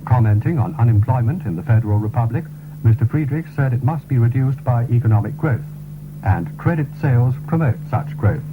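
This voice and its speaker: A male newsreader with an ordinary pitch reads a formal, scripted radio bulletin in a measured way, though his intonation is lively. The thin, narrow sound resembles a 1970s broadcast on a small radio, with noise in the background.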